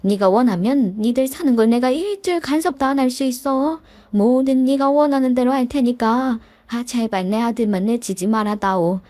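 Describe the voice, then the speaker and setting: A woman voicing an elderly mother-in-law who laments slowly and pleads, in a dramatized story reading. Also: a little high, dark tone, no room sound, close to an everyday voice. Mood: pleading. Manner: drawn-out lamenting delivery.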